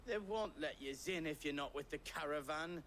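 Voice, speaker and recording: A man's voice: fairly high pitch, normal speed, fairly bright tone, a little hiss or hum. An actor playing a chatty, jittery young street man in a video game, stammering and rambling as he talks. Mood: hesitant.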